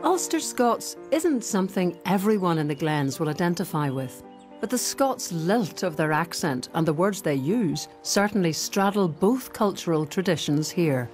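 A woman with a Belfast accent narrates a documentary from a script. Her voice is low and moves through lively intonation, with music clearly playing underneath. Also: normal speed. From East Belfast. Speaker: documentary presenter.

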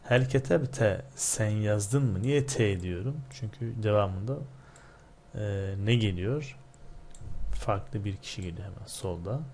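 A man with a low voice teaches a grammar lesson from a textbook. He draws out each phrase as he reads it, then hurries through the explanation. A faint hiss sits under the recording. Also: vocal fry, a little mellow. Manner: reads Arabic slowly, then explains quickly in Turkish. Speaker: Arabic teacher. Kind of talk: textbook lesson, reading and translating line by line.

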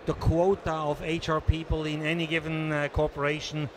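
A man in his sixties from Switzerland, giving a measured, businesslike conference interview into a handheld mic, pausing often. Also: a little high, little pitch movement, noisy background. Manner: measured, businesslike, many hesitations. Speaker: interviewee, association treasurer. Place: conference booth indoors.

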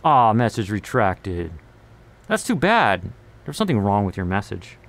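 Late at night in his bedroom studio, a live streamer and singer-songwriter leans by a close boom-mounted large condenser mic and rambles casually to a few online friends on a small stream. His voice is lowish and fairly bright, very animated yet a little slow.

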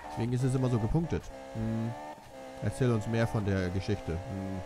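A man's voice: lowish voice, moderate pace, very noisy. A young man giving joking, self-mocking commentary while playing a racing game. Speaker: let's play commentator. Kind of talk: casual gameplay commentary. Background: game music and car sounds.

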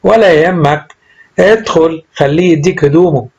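Irritable doorkeeper, read by a man, Egyptian Arabic accent, annoyed and sarcastic, raised husky voice. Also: a little high, normal speed, darkish tone, lo-fi sound. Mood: grumbling. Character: grumbling male church doorkeeper, irritable.

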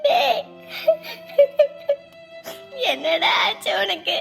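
A woman's voice: very high-pitched, big pitch swings, unhurried, vocal fry, sharp tone, soft background music, exaggerated voice. A woman playing a tearful, scolding mother. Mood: distressed. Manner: pleading and scolding, voice breaking into tears. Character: distraught mother scolding her husband. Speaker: mother of a grown son. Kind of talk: Tamil family web drama acting.

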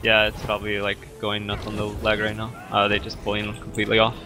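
A man's voice: lowish voice, monotone, fast, over music. A man in casual voice chat while gaming, urging his teammates on and repeating himself. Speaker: gamer in voice chat. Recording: noisy voice-chat line.

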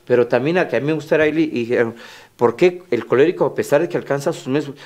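A man's voice: mid-range voice, quick pace, a little mellow. A man with a Mexican Spanish accent co-hosting a radio talk show, speaking candidly and bluntly about himself and laughing often. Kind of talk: casual radio chat.

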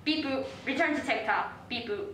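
A woman playing a single-minded robot courier in a student short film, speaking in a flat, mechanical robot voice. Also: sits high, normal speed, very echoey, slight background noise. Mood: robotic insistence. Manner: flat mechanical robot voice, repeats "beep boop".

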